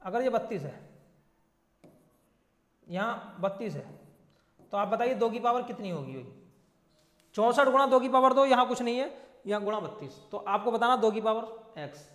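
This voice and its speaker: A man's voice: very high-pitched, expressive, normal speed, long pauses, fairly bright tone. A young man teaching exam math, repeating himself and often calling the viewers friends and brother. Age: young adult. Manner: repetitive, keeps addressing viewers as friends and brother. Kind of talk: explaining math at a board. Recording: echoey room with long reverb.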